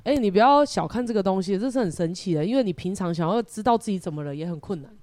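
Host, woman, mellow tone, dry close sound, lively explainer. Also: mid-range voice, fast talker, no echo. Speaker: host and spiritual teacher. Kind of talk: casual podcast conversation.

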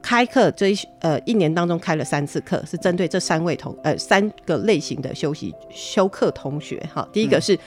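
A woman with a fairly low voice talks through how courses are built, pausing on fillers as she goes. Faint music sits under her speech. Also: expressive, darkish tone. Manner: explanatory, frequent hesitation fillers. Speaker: guest, university digital teaching staff. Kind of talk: conversational interview explanation.

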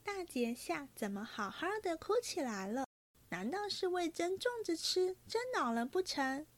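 A woman reading aloud and voicing a witty young noblewoman who teases in a high, sly voice. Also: big pitch swings, normal speed, gravelly, heavily acted. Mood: teasing.

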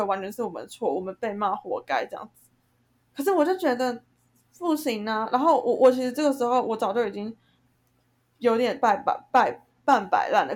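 Young woman venting heatedly. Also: fairly high pitch. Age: young adult. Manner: heated, ranting, animated storytelling. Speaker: podcast co-host. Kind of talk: casual venting chat.

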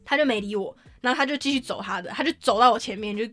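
Taiwanese lady on a podcast, talks super fast, kinda high voice, swears a lot, acts everything out. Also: no echo. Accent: Taiwanese Mandarin. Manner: animated, swears often, acts out quotes. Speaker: podcast co-host. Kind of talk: casual storytelling chat.

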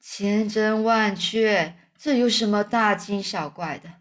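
A woman voicing a kind old male grasshopper who plays the violin, speaking gently and slowly, as in a children's storybook. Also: mid-range voice, natural voice. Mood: gentle. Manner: gentle, slow and patient explaining.

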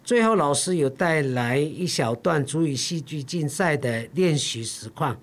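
A man co-hosting a podcast, who introduces a segment in a measured, scripted way. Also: on the high side, animated.

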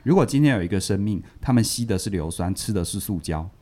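Podcast co-host, man; low, animated delivery, storytelling. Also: fast. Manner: animated, repeats words, laughs while telling. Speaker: podcast co-host reviewing a book. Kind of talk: casual storytelling chat.

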